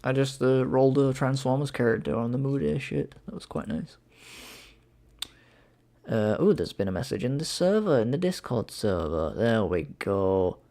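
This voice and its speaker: This young streamer's mid-range, dark-toned voice swings widely in pitch at a moderate pace. Broadcasting from home, he chats casually and reacts as he goes, swearing and laughing without much prompting.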